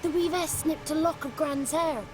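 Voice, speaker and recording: A man's voice: very high-pitched, steady tone, moderate pace. An actor voicing a small, nervous and cheeky male goblin creature, telling his story in a folksy, rustic way. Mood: fretful. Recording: game audio with loud music.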